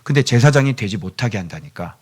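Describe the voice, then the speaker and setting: A man's voice: lowish voice, animated, quick pace, a little mellow, breathy edge. A male pastor preaching a sermon in a church, chatting with the children by name and sometimes dropping to a near-whisper. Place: church sanctuary.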